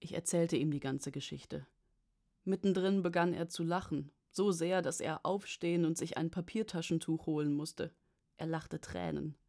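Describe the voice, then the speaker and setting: A woman narrating a first-person story as an audiobook, in an even, measured way. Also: low-pitched, vocal fry.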